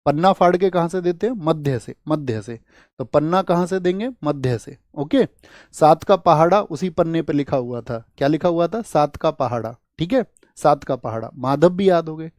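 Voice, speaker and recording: A male teacher from India gives an exam-prep lecture in a fairly high voice, with a dry and close sound. He keeps asking his class questions and hammers answers home by repeating them. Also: moderate pace, no room sound. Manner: lively, asks the class questions, rhetorical repeats.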